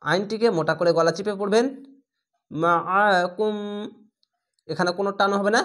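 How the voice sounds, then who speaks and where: A man with a Bangladeshi Bengali accent teaching Quran reading, who breaks words into syllables, repeats them slowly and explains each rule. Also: high voice, fairly even intonation, a bit bright. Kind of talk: step-by-step recitation lesson.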